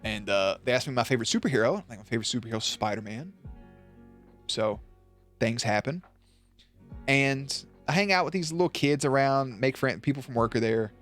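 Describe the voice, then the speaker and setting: A man's voice: mid-range voice, a little fast, soft background music. Young guy telling a rambling story. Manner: loose, profane, animated retelling with acted quotes. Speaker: streamer. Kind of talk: casual storytelling.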